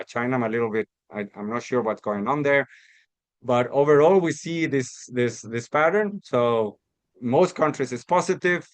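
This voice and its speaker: A man's voice: mid-range voice, no echo. A man from Costa Rica giving an academic research talk, explaining step by step with many restarts and repeated words. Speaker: academic presenter.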